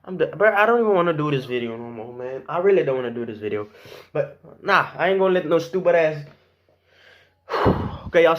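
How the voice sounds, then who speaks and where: Animated young man, voice swinging widely. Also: high-pitched. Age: young adult. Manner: animated, slangy, acting out dialogue. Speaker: vlogger. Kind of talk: casual storytime to camera. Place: small room at home.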